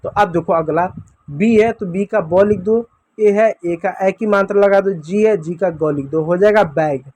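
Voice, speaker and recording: A man's voice: high-pitched, a little slow, a little mellow, dry recording. A man teaching children phonics in a patient, repetitive classroom style. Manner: patient, repetitive drilling, often addresses the kids as "बच्चों". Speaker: English teacher.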